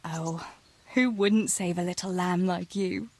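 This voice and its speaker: Theresa, a teasing young village sweetheart. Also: female voice, fairly low pitch, measured pace, a little mellow. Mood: affectionate teasing. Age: young adult.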